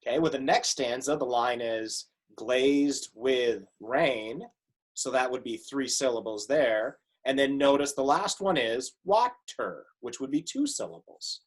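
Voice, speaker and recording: A man teacher talks students through a poem in a laid-back, easygoing way. He often pauses for small fillers as he explains. His voice sits at an ordinary middle pitch. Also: slightly rough. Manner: casual, filler-heavy, relaxed explaining. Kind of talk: classroom lesson.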